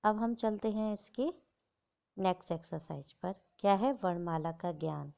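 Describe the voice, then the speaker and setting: A woman's voice: mid-range voice, moderate pace, creaky, warm tone. A woman teaching young children the Hindi alphabet, patiently explaining and sounding out letters one by one, often checking in with short tags.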